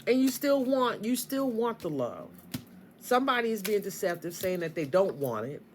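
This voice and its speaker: A woman giving a casual tarot reading, blunt and animated, swearing freely and speaking straight to the listener. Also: mid-range voice, normal speed, a little hiss or hum. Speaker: tarot reader.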